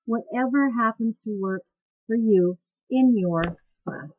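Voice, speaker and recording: A woman's voice: a little high, measured pace, no echo. A woman teaching dance cueing instructors how to care for their voices, in a plain, practical teaching tone. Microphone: webcam. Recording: tinny phone-like webcam recording.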